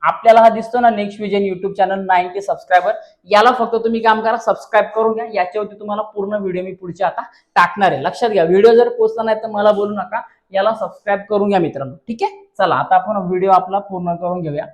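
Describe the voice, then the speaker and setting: A male teacher with a high-pitched, steady voice goes through an exam paper with students at a quick pace. He keeps asking rhetorical questions and refers to viewers as his friends.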